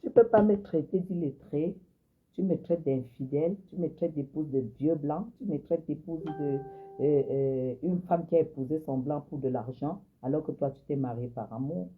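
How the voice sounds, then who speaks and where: A woman's voice: deep voice, normal speed, husky. A woman, confronting and mocking someone in a heated, repetitive live-stream rant. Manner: confrontational, mocking, repeats herself. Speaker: social media personality. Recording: tinny phone-line sound.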